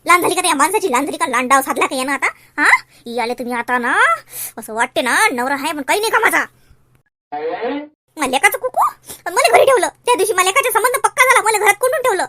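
Brief: actress as a vengeful village woman in a comedy sketch, shrill scolding rant at a fast clip. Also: expressive. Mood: bitter rant. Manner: ranting, loud and scolding.

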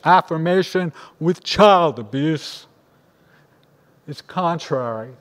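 An older man, a rabbi, giving a measured, grave sermon at a lectern microphone in a large synagogue sanctuary. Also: a little high. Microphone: lectern microphone on a stand. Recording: long reverb of a large hall.

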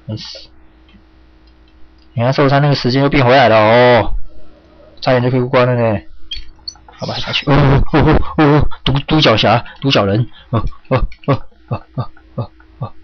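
A man's voice: mid-range voice, moderate pace, pauses often. Jumpy guy playing a scary game, yelps and swears a lot, bit muffled lo-fi mic. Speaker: game streamer. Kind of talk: horror game let's play commentary. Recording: slightly dull lo-fi home mic with faint hiss.

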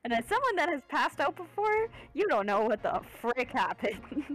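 A woman's voice: high voice, big pitch swings, moderate pace, a bit bright, low-quality recording. A woman chatting casually as a co-host of a game playthrough. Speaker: let's play co-host. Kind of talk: casual chat.

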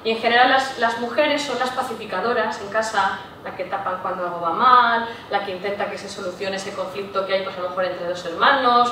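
A woman giving a public talk to a live audience, often checking in with her listeners with a quick "¿sí?". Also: mid-range voice, sharp tone, a little hiss or hum. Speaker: lecturer. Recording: echoey room, voice from far off.

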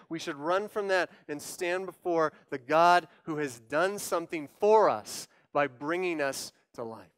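A male pastor preaching a sermon, emphatic, swinging between quiet asides and loud, pleading declarations. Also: high-pitched, smooth. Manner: emphatic, acting out quoted voices. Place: church sanctuary.

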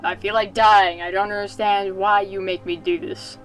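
A woman's voice: mid-range voice, flat delivery, moderate pace, soft background music, lightly acted. A woman voicing a grieving, defiant young girl who speaks in a sulky, bitter way.

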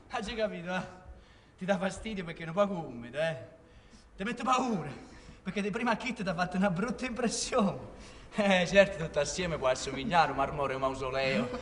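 Brief: male actor as a mocking Neapolitan hothead, high and lively, live stage performance. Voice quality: swings from loud shouting to hushed near-whisper. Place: large theatre stage.

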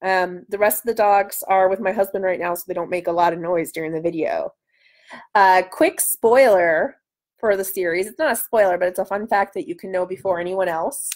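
An author in her thirties livestreams from a small room in her home, her low-ish, darkish voice moving fairly quickly. She keeps things casual and playful, speaking to a webcam about arm's length away.

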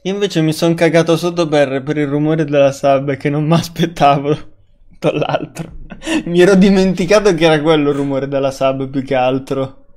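A man's voice: on the high side, fairly even intonation, moderate pace, darkish tone. A man streaming a game, chatting casually, laughing often and swearing when surprised. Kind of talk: casual gaming stream chat.

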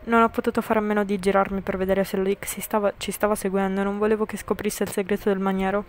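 A woman's voice: mid-range voice, level tone, fast talker. A woman narrating and reading all the parts of a story game in an amateur fan voice-over. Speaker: narrator and reader.

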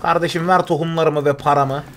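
With a brisk, level delivery and a slightly bright voice on the high side, the young gaming streamer is heard over a little hiss or hum. He talks through a survival game live, chatting with himself and thanking those in chat as he reads their messages out.

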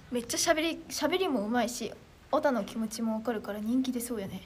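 Teen girl from Chiba, high voice, bubbly stream chatter, light background hiss. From Chiba, Japan. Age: teens. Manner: bubbly, quick, animated and self-deprecating. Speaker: idol trainee streamer. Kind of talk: casual livestream chat reading comments.

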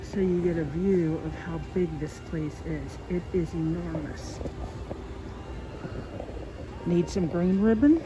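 Her voice fairly low and slow with long pauses, a masked woman gives a chatty vlog tour inside a large store, apologizing as she walks and films. The handheld phone captures noisy ambience around her.

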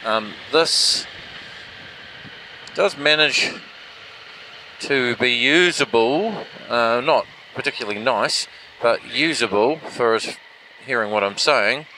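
A motovlogger reviewing action cameras chats casually from inside his helmet while riding a motorbike outdoors, rambling and poking fun at himself. His medium-pitched voice is slow and sharp-toned, with frequent pauses. The helmet mic, fitted with a foam fluffy, is noisy with vehicle and wind sound.

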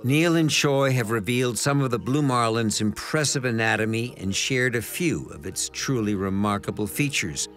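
A man's voice: medium pitch, fairly bright tone. A man reading scripted narration for a nature documentary.

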